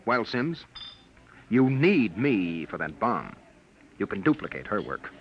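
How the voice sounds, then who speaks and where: A man's voice: on the low side, sing-song, measured pace, a little hiss or hum. An actor in a 1950 radio drama playing a cornered male scientist on the run, earnest and protective. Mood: tense. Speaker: William Travis. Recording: muffled old radio broadcast.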